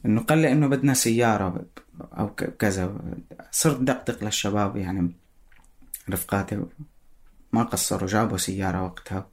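A man with a Syrian Arabic accent giving personal spoken testimony in a halting way, searching for words. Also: fairly low pitch.

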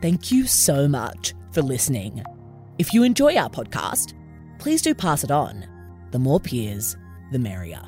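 A podcast host with an extremely low-pitched voice reads a scripted intro, then chats with a guest in an enthusiastic, upbeat, animated way. She speaks unhurriedly, with soft music in the background.

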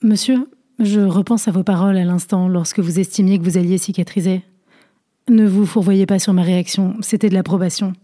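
A woman voicing a stately older landlady who speaks in a polite, measured, formal way, as a storybook figure. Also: medium pitch, steady tone, dark tone, natural voice. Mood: earnest.

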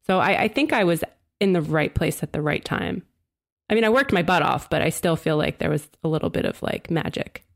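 A woman's voice: low-pitched, brisk, gravelly. A woman from South New Jersey, chatting casually in an interview with lots of fillers and laughter. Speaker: design blog founder, podcast co-host.

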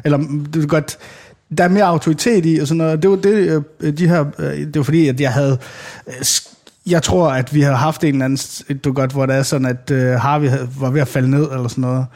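A man chatting casually about fatherhood, animated and swearing freely, often bursting into loud acted quotes. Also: a little high. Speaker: father on a podcast. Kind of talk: casual chat.

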